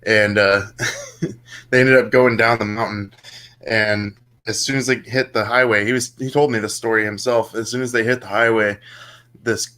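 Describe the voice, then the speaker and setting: Young man, podcast co-host, bright forceful tone, slightly low pitch, rambling casual storytelling. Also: steady tone, normal speed. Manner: rambling, lots of fillers and restarts.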